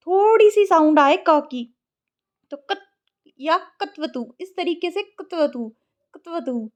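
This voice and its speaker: A woman teaching Sanskrit exam questions in speech, patiently repeating words to model their pronunciation. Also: high voice. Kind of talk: exam-prep lesson.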